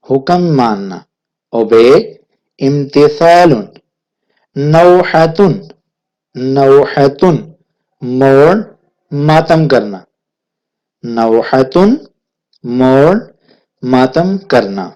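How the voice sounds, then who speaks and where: A man teaching a vocabulary lesson, saying each word twice, then its meaning, in a slow, deliberate way, with a Pakistani Urdu accent. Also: mid-range voice, darkish tone. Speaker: language teacher. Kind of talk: vocabulary lesson, repeating words slowly.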